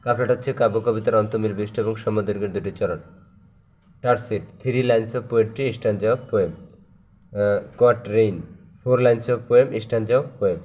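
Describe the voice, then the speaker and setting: A Bangladeshi-accented man gives a lesson, reading out terms and explaining each in turn. He talks very slowly in a darkish, mellow, fairly low voice. He moves between English and Bengali and pauses on long fillers. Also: steady tone, highs cut off. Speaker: teacher.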